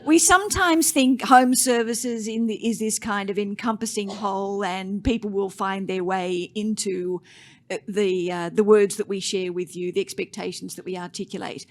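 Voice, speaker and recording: A woman's voice: medium pitch, normal speed. An Australian woman chairing a conference panel on stage, chatty and self-deprecating, often restarting her phrases. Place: conference stage before a live audience.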